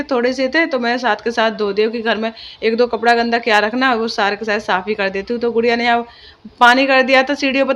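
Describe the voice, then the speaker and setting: A woman's voice: a little high, fairly bright tone, lo-fi sound. A young woman talking casually in her home vlog about her children and the day's chores. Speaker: vlogger.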